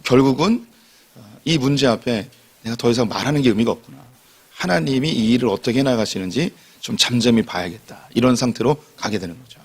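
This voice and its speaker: A man's voice: mid-range voice, expressive, a little fast, husky. A male pastor giving a sermon in a conversational, informal way, often repeating himself as he talks to his congregation.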